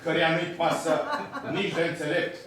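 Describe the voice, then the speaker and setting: A man's voice: on the high side, level tone, over a noisy crowd, natural voice. A man on stage playing a teasing jester who needles an old king, captured live in a theatre. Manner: teasing, playful. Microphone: distant room mic. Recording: echoey hall from far off.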